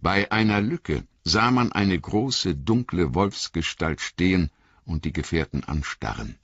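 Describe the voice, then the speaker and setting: A deep, husky man reads the story slowly and expressively, his pitch moving widely. The recording is close and dry but sounds dull and lo-fi. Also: expressive, a bit bright, no echo. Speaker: audiobook narrator. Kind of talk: scripted narration.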